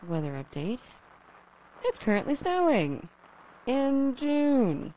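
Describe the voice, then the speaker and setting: A woman's voice: sits high, very animated, slow, warm tone, a little hiss or hum, full character voice, low-quality recording. A woman playing a young survivor who broadcasts alone on the radio, rambling and self-deprecating, swearing when flustered, in an audio drama. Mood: wry. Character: young woman survivor, lonely, nervous, wry.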